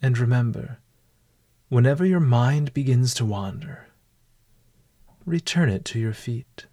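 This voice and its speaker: A man leading a guided walking meditation in a calm, deliberate, measured way. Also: medium pitch.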